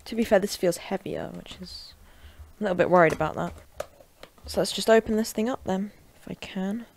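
Gravelly-voiced woman chatting at her desk. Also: mid-range voice, a little fast, a little hiss or hum. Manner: chatty and offhand, bursting into loud shouts while gaming. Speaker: tech reviewer and gamer. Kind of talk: casual unboxing and gameplay commentary. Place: at a desk at home.

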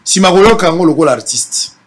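Man, fairly high voice, husky, chatty interviewer. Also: expressive. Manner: chatty, lists names quickly. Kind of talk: casual interview.

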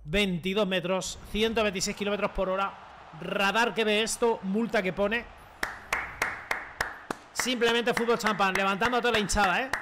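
A young man commentating his own football video game play in a casual, slangy way, shouting when he scores. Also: high-pitched, normal speed, long pauses, background noise. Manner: excitable, slangy, shouts at goals. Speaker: gaming youtuber. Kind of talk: live gameplay commentary.

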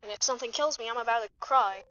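A young woman giving dramatic, excitable gameplay commentary, gasping and gushing. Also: a little high, quick pace. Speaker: gaming streamer. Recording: dull lo-fi mic with faint noise.

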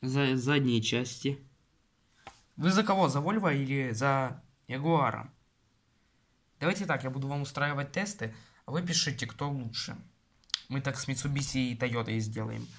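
A man with a mid-range voice talks at a normal speed while casually reviewing a car magazine at home. He rambles, grumbles and chats to his viewers, recording on a phone held close above his desk.

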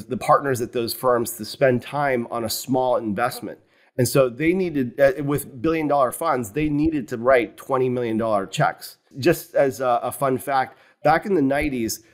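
Calm and explanatory, a US-born fund founder in his fifties describes his career during an interview. He speaks in a mid-range voice, says "you know" a lot, and is picked up by a video call webcam in a home office with wooden cabinets.

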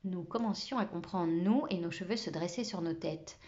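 A woman reading a children's novel aloud in a lively, expressive storytelling manner. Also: lowish voice, normal speed, muffled recording. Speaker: reader.

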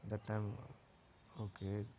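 Slowly and in a monotone, a man with a lowish, warm voice guides listeners around a rooftop solar installation. He goes through each piece step by step in a relaxed, plain way, dropping in the odd filler, over a faint hiss or hum.

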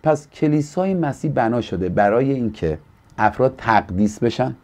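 On a studio talk show, a man who pastors and comes from Iran teaches with earnest, preacherly conviction. His mid-range voice is animated and a little mellow, turning livelier as he acts out quoted people.

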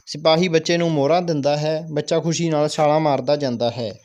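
A man teacher greeting children and reading a school lesson aloud in a plain, steady way. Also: a little high, brisk, dull audio.

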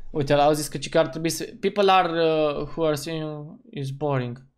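A man giving let's-play commentary as a gaming YouTuber, excitable and slangy, breaking into loud whoops. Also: fairly high pitch, clean tone.

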